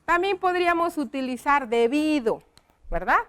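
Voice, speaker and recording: A woman's voice: sits high, lively intonation, normal speed, a bit bright. A woman teaching a televised primary lesson, patiently asking the children questions and praising their answers.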